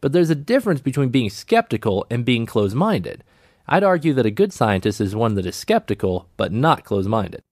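A man hosting a science podcast, answering listener comments and explaining calmly and clearly. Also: mid-range voice, fairly quick, no room sound, studio quality. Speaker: podcast host.

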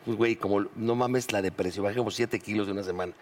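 A man's voice: lowish voice, steady tone, fast, over a noisy crowd. A Mexican man in casual chat who jokes and swears freely in slang.

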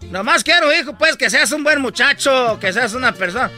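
A man's voice: very high-pitched, expressive, normal speed, bright, forceful tone, soft background music. A man doing a rambling comedy sketch, slangy and full of fillers.

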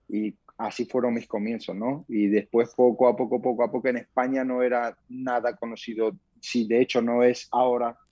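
A young man from Spain, a guest fighter answering interview questions in a calm, modest way. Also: mid-range voice, dry recording, highs cut off.

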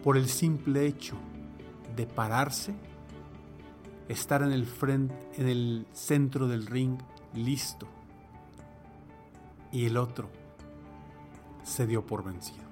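A man hosting a motivational podcast, telling stories in an emphatic motivational-speech style with dramatic pauses. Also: medium pitch, steady tone, music in the background.

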